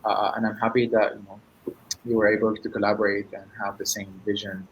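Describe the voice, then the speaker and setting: Man, lowish voice, casual interview host, slight background noise. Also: little pitch movement, a little fast, lo-fi sound. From Syria.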